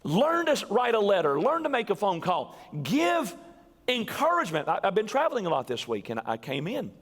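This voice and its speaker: A middle-aged male pastor giving a sermon in a church, animated and quoting people in acted voices. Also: high-pitched, brisk. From US South. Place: church sanctuary. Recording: long church reverb.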